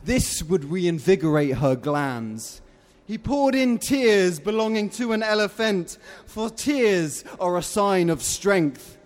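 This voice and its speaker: A man narrating a fairy-tale story in a measured, rhyming way. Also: high-pitched, expressive.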